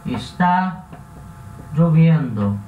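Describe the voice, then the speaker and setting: A man's voice: on the high side, extremely slow, dull audio, slight background noise. Brazilian man teaching in an echoey room. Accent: Brazilian Portuguese. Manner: relaxed, self-correcting, checks in with listeners. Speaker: language teacher. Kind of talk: casual classroom explanation. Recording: echoey room, voice a bit far from the mic.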